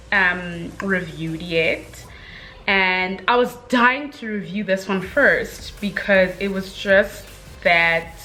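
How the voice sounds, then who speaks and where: A young woman giving a casual, chatty book review, speaking in an expressive, gushing, slangy way with dramatic emphasis. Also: mid-range voice, rough recording.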